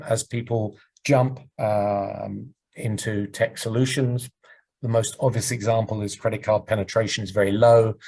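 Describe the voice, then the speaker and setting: A man giving a business presentation and answering questions over a video call, speaking in a measured, explanatory way while losing his voice. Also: on the low side, husky, rough recording. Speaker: presenter at a market research webinar.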